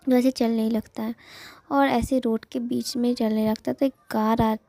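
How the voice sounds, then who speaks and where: A woman's voice: on the high side, flat delivery, normal speed, mellow, no room sound. Chatty woman retelling a story. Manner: chatty, repetitive fillers. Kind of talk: casual retelling of a fan story.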